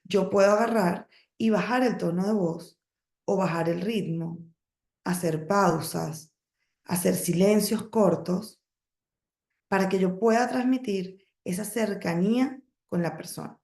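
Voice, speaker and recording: A woman giving a training talk on public speaking, coaching her listeners with emphatic points, pauses and self-corrections. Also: mid-range voice, vocal fry, darkish tone, roomy sound. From emigrated to the United States, lives in Texas. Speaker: network marketing trainer.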